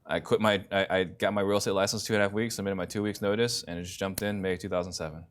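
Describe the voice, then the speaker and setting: Deep-voiced man telling his story. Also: fast talker, slight background noise. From born in Italy, raised in Arizona. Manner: animated storytelling with acted quotes. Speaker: interview guest. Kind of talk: casual conversation.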